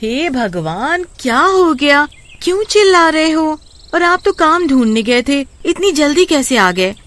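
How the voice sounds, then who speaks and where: A woman voicing an excitable, scolding village wife in a cartoon, shrill and exclaiming. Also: measured pace, heavily acted. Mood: astonished. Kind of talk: cartoon voice acting.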